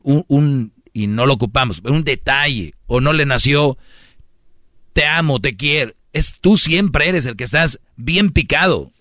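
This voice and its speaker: A man's voice: fairly high pitch, a bit bright, no room sound, studio quality. A man with a Mexican accent, hosting a casual chat and giving brash, slangy dating advice with acted-out quotes.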